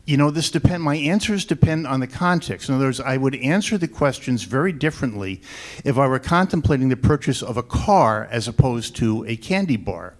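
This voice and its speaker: Brief: man from the audience, measured and thoughtful, mid-pitched voice. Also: expressive. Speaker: audience member, researcher. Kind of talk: question from the floor.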